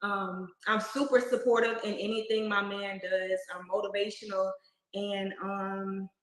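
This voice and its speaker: A woman's voice: medium pitch, little pitch movement, a little slow. A woman in her twenties from the southern US, confidently introducing herself as a dating contestant. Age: 20s. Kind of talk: casual self-introduction. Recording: roomy echo.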